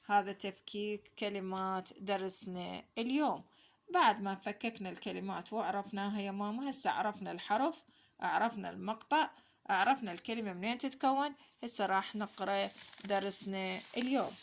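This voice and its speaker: A woman with an Iraqi Arabic accent teaching a children's reading lesson. She spells out syllables slowly and loudly, drawing each one out, and calls the children "mama". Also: medium pitch, gravelly. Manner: slow, drawn-out syllable spelling, loud stressed sounds. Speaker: primary school teacher.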